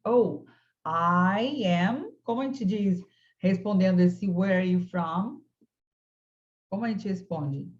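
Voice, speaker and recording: Patient woman teacher on an online class, speaks slowly, muffled call sound. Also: medium pitch. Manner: patient, models English phrases slowly for students. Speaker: English teacher.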